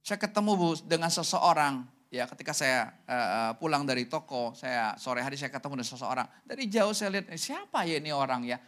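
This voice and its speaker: A male pastor preaching a sermon at a church service, emphatic, swinging from loud to very soft, and often addressing the congregation directly. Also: medium pitch, expressive, fairly quick.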